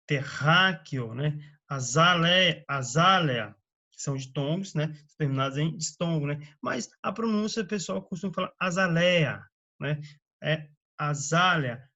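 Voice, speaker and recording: A man teaches a grammar lesson at a very slow, careful pace. His voice sits a little high for a man, and he keeps checking in with the listener between items. The recording sounds dull and lo-fi. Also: fairly bright tone. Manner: slow and deliberate, reads word lists with frequent "né?" checks.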